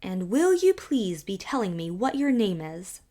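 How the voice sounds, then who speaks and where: A woman voicing a stately, proud old widow with a Highland accent in a rich, powerful voice and lilting, formal phrasing. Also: sing-song, a little slow, warm tone. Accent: Scottish Highland. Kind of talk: audiobook character reading.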